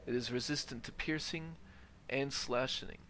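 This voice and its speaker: While playing through a video game, a man gives casual commentary and thinks aloud. His medium-pitched voice is a bit bright and moves at a moderate pace, with game ambience and slight background noise behind him.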